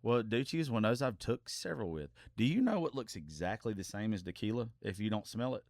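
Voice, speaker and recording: A man's voice: lowish voice, big pitch swings, quick pace, darkish tone, no echo, clean studio sound. A man telling crude, profane stories in casual podcast chat, laughing often. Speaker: podcast host or regular.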